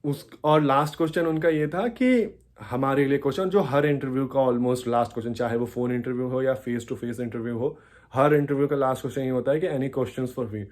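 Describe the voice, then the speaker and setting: A young man with an Indian accent speaks in a mid-range, slightly mellow voice at a slightly fast pace. As a vlogger in casual chat, he explains things and code-switches frequently between Hindi and English.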